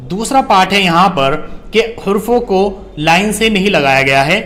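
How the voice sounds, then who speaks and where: A man teaches Quran reading as a lesson. He spells letters out slowly and deliberately, one sound at a time, then explains the exercise in a plain instructive tone. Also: sits high, a bit bright.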